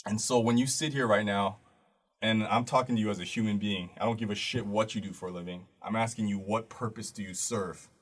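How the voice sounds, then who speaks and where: A man's voice: lowish voice, fairly even intonation, a little fast. A man giving an earnest, preachy motivational monologue straight to the listener, blunt and tired by the end. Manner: earnest, preachy, direct address with blunt swearing. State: tired, voice fading to quiet. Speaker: artist giving a motivational talk.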